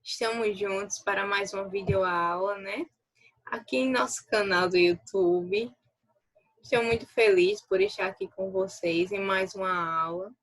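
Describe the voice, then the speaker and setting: A woman's voice: mid-range voice, lively intonation, unhurried. A Brazilian woman teacher giving a recorded video lesson, explaining step by step and checking in with her students often. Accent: Brazilian Portuguese. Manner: explanatory, checks in with frequent rhetorical tags.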